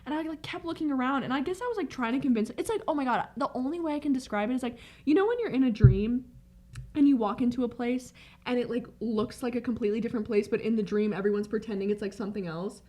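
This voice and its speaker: A woman's voice: fairly high pitch, fast talker, mellow. A young woman co-hosting a podcast, telling a rambling story in casual chat and leaning hard on "like". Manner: rambling storyteller, heavy "like" filler. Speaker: podcast co-host.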